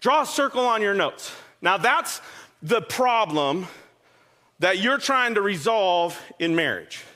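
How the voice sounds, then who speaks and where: Bright-voiced joking male pastor. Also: high-pitched, very animated, slow pace. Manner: conversational, joking, checks in with listeners often. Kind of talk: sermon.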